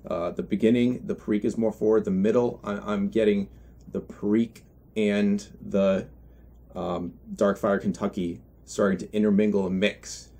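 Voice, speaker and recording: A man giving an unscripted product review in a halting, reflective way, often correcting himself as he goes. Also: lowish voice, fairly even intonation, dark tone. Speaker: pipe tobacco reviewer.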